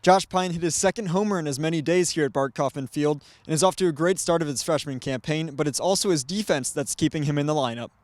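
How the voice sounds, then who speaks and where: This fast talker barely pauses, his voice on the high side with a darkish tone. He's an American in his twenties working as a student sports reporter, handling highlights and play-by-play.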